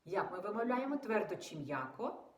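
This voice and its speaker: A woman teaching young children in a patient, exaggerated sing-song voice, pausing for them to answer. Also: medium pitch, sing-song, echoey room. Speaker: preschool teacher.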